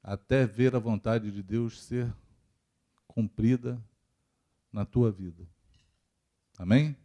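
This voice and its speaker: A man's voice: mid-range voice, steady tone, slow pace, warm tone. A man with a Brazilian Portuguese accent preaching a sermon in a church, talking to the congregation and asking it questions as he goes. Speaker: pastor.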